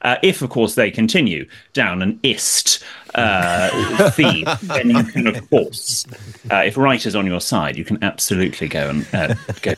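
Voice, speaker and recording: A man's voice: fairly low pitch, sing-song, measured pace, fairly bright tone. A man with prim, precise enunciation, giving etiquette advice as a guest coach in a conversation.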